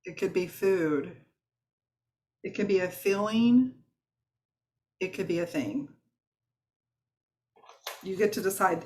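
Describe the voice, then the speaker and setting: A woman with a Southern accent leading a live online workshop as a wellness coach, chatty and encouraging, with fillers and restarts. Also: medium pitch.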